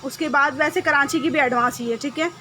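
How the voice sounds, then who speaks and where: Brisk high-voiced woman running a live sale. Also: bright, forceful tone, a little hiss or hum. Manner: brisk, repetitive, checks with "okay?" often. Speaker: online seller hosting a live sale. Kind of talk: live-stream sales chat. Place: home room with generator noise.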